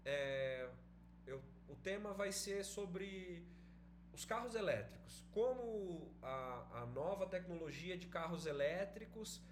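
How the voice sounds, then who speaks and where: Brazilian man teaching an online writing class, high animated voice, chatty explanations, echoey room with faint noise. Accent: Brazilian Portuguese. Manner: explanatory, chatty, checks in with students.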